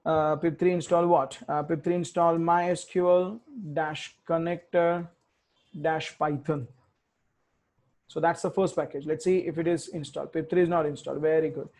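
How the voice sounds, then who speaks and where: A man's voice: fairly high pitch, flat delivery, normal speed, darkish tone. A man teaching a live coding tutorial, thinking aloud and correcting himself as he types commands. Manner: thinks aloud, self-correcting, mutters while typing. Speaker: tech instructor.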